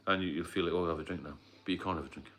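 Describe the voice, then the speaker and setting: Middle-aged British livestream host, deep low voice, loose rambling delivery with fillers. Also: male voice, fairly even intonation, very fast, a bit bright. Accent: British English. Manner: rambling, repetitive, frequent fillers and coughs. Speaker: livestream host, sobriety mentor. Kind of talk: casual live stream talk.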